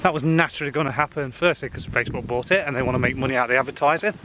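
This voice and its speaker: A man's voice: mid-range voice, very fast. A man, chatting casually to a handheld camera while walking a wooded hill path, slightly out of breath, with frequent fillers. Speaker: social media marketing vlogger. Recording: faint outdoor noise.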